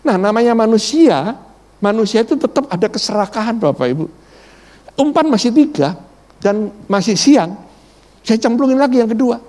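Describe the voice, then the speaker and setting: Here a middle-aged pastor, his voice sitting high and his speed normal, preaches from a personal testimony. He narrates with animation, performs the voices in his story, and keeps turning to the congregation with "Bapak Ibu."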